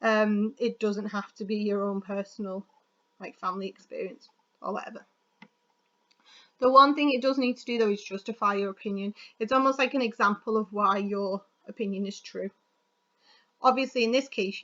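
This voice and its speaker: A woman teacher giving a casual lesson on writing opinion articles, talking quickly with frequent ums and self-corrections. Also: medium pitch, steady tone, sharp tone. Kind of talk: recorded classroom lesson. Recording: dull lo-fi sound.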